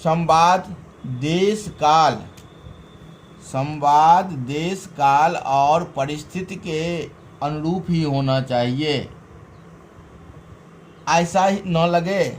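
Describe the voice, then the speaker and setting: Guy teaching a class, super slow and careful, leans on key words, faint ac hum behind. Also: a little high. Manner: slow, deliberate delivery with stressed key words. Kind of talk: classroom lesson.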